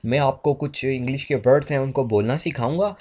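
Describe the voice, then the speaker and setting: A young man teaching an English speaking lesson, slowing down to demonstrate how words are pronounced. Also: mid-range voice, darkish tone. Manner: slow, exaggerated demonstrations of English pronunciation. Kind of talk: spoken English lesson in Urdu.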